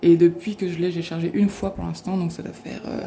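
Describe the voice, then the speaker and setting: A food blogger cooks in her home kitchen during a casual demo, chatting as she works and dropping fillers like "hop" and "voilà." Her voice is on the low side, flat, and brisk, and the echoey kitchen has loud background noise.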